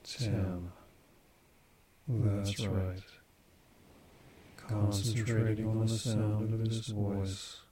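Slow, dark-voiced male hypnotist. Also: on the low side, flat delivery. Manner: slow, soft, repetitive counting. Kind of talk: scripted hypnosis induction.

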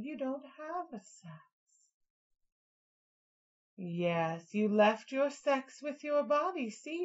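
A woman giving slow, hypnotic guided narration, soft and breathy at times, dominant and coaxing, drawing her words out. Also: a little high. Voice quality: soft and breathy, dropping to whispers. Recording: dull lo-fi recording.

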